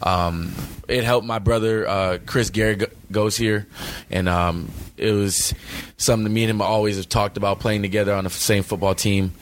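A young college football player speaks in a very deep voice. He answers haltingly, with many fillers and restarts, as he talks through a game in an interview. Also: fairly even intonation, dry recording. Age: young adult. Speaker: college football running back.

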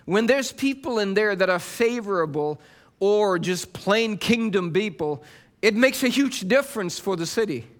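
A man's voice: high voice, expressive, moderate pace. A male pastor preaching a sermon with fervent, emphatic delivery.

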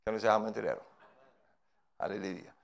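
A male preacher giving a lively, joking sermon, often ending his lines with a quick tag question. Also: on the low side, vocal fry. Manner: animated, joking, tags lines with "va?".

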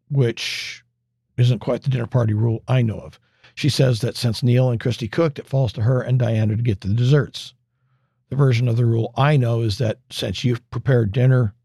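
A man's voice: mid-range voice, dark tone, no echo, studio quality. A man hosting a podcast, recapping a TV episode in a wry, conversational way with asides. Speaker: podcast host.

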